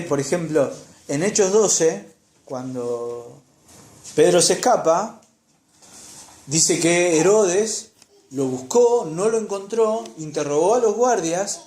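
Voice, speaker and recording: In a church, a preacher with an Argentine Spanish accent tells a Bible story during a sermon, putting rhetorical questions to the congregation. His medium-pitched voice carries reverb, with background noise present.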